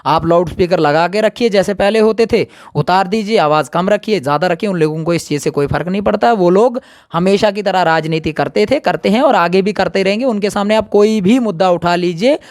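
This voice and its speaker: In an impromptu interview, a man with a high-pitched voice gives his opinion briskly, emphatically repeating his points. The recording is clean, studio-quality, with no echo.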